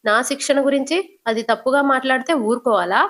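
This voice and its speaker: A domineering middle-aged mother-in-law snaps out scolding orders, voiced by a woman. Her voice rides somewhat high. Temper is always close to the surface. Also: fast talker. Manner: scolding, sharp.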